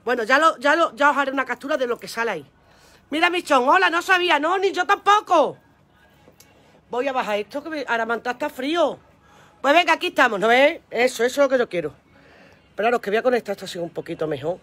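A high, bright-voiced older woman chats through a phone live stream at home. She greets her viewers by name with affectionate pet names and sounds flustered by the app. Her voice is lively and clear. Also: fast talker. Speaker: online seller doing a live stream.

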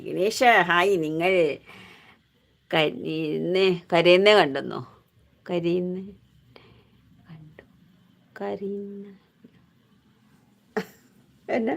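A woman from Kerala chatting casually on a live stream, greeting viewers by name in an affectionate, lively way. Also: fairly low pitch, very slow, vocal fry, long pauses.

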